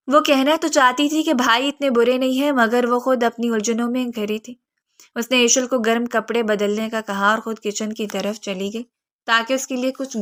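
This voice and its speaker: A woman's voice: fairly high pitch, fairly bright tone. Woman narrating a romance novel.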